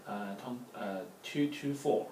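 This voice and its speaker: A man's voice: mid-range voice, slow, mellow. A man who is a native Chinese speaker, answering an examiner and checking instructions. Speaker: student being assessed. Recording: echoey, distant mic, faint noise.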